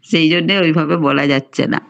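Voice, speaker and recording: A woman speaking in an unhurried, reflective way during a casual group video call. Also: sits low, fairly even intonation, creaky, dull audio. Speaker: participant in an elders' group chat. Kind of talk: casual chat.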